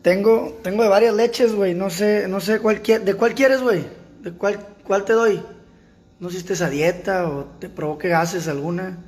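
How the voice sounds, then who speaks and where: A man's voice: high-pitched, normal speed. A young man with a Sinaloan Mexican accent, vlogging casually at home with a sore throat and talking crudely but kindly to stray cats. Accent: Sinaloan Mexican Spanish. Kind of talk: casual vlog chat. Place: house at home during rain.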